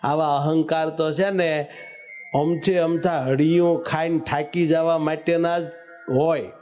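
A man's voice: a little high, steady tone, slow pace, a little mellow, soft background music. A man preaching a devotional sermon, telling a story and breaking into sung verses. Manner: storytelling, bursts into sung verses, calls out lines.

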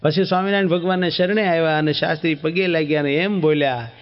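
A man with a Kathiawadi Gujarati accent preaching a devotional sermon as an animated storyteller who acts out the dialogue. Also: on the high side, fast. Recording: dull lo-fi recording.

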